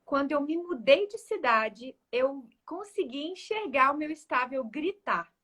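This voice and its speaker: A woman in a casual live chat, talking in an animated, chatty way with many fillers. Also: high voice, unhurried. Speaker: guest speaker.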